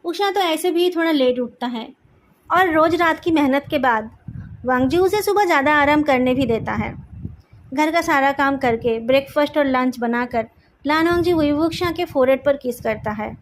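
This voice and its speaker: A woman reading a fan fiction story aloud in a calm, even narrating manner. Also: sits high, normal speed.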